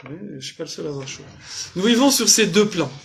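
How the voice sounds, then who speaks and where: A man's voice: high-pitched, expressive, fast. A man giving a casual, joking Torah class to a group, quizzing them and translating Hebrew terms as he goes. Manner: casual, jokey, asks the audience questions. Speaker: Torah teacher. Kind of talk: lively informal Torah class. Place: small community centre hall.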